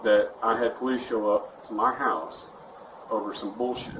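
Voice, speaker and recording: A man's voice: fairly low pitch, steady tone, moderate pace, distant mic. A man with a belligerent, defensive and argumentative manner, insisting on his side in a heated conversation. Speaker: police sergeant being questioned. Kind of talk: heated self-justifying conversation. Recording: background noise from body camera.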